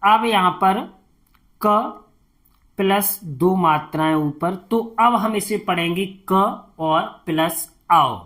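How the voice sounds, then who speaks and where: A woman's voice: lowish voice, slow, a bit bright. A woman teaching the Hindi alphabet step by step, patiently repeating each sound and often checking with the listener. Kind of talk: slow step-by-step alphabet lesson.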